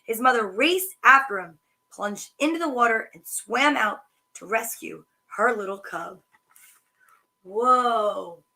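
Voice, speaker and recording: This woman hosts a children's story time, reading picture books slowly in a fairly high voice. She's animated and sing-song, breaking off for chatty asides.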